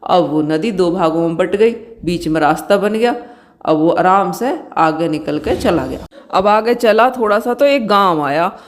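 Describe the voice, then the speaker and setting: Devotional tale narration, unhurried, homely, middle pitch. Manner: unhurried, homely storytelling with fillers. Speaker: devotional storyteller.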